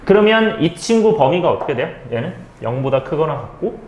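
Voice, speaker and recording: Lively male math teacher, echoey room. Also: a little high, brisk, lo-fi sound, a little hiss or hum. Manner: keeps checking in with students, "okay?"; explains step by step, asking and answering his own questions. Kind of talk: recorded math lecture.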